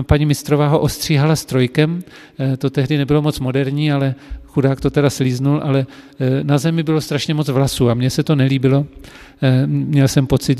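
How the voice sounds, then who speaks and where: A male hairdresser who tells personal stories in a casual, lively way, with frequent fillers. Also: mid-range voice, in a large hall. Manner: animated and lively when telling anecdotes, with frequent fillers.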